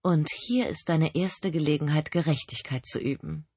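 A woman voicing a suave male cult leader who speaks in a measured, condescending way, for an audiobook. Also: low-pitched, darkish tone, breathy edge, no echo. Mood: pleased.

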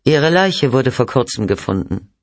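A man's voice: medium pitch, very animated, normal speed, no echo, pitched above the performer's own voice. A man voicing a persistent female police detective who asks firm, probing questions.

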